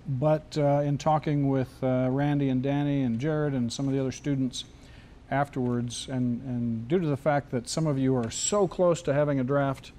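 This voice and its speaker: A man talks to his screenwriting class in a classroom, his voice mellow and dark. He is easygoing and jokey, circling back and restarting his sentences as he goes. A faint hiss sits under the recording. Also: medium pitch, steady tone, moderate pace. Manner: loose, joking, many restarts. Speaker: screenwriting teacher. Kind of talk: casual classroom talk.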